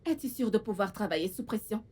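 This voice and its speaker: A woman's voice: mid-range voice, expressive, fast talker, a little mellow, husky. A woman dubbing a film role: a haughty, vain young woman who bosses her new housemaid around. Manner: haughty, commanding, scolding. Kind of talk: dubbed film acting.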